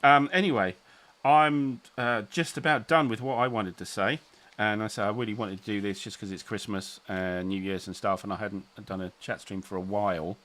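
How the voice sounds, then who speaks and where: A middle-aged man hosts a relaxed chat stream, his voice sitting on the low side. He rambles, backtracks, and restarts his sentences. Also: moderate pace, few pauses. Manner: rambling, self-interrupting, chuckling. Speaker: channel host. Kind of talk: casual livestream chat.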